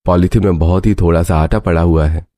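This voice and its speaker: Deep, dark-toned male narrator. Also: fairly even intonation, fairly quick. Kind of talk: scripted story narration. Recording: faint background noise.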